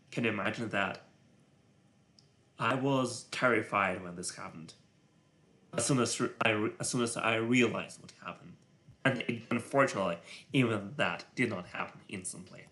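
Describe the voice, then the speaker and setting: A man whose first language is Russian, speaking English with a Russian accent while thinking aloud on a live coding stream, halting and full of filler sounds. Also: medium pitch, fairly bright tone. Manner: halting, many filler sounds, muttering to himself; self-conscious about his English voice.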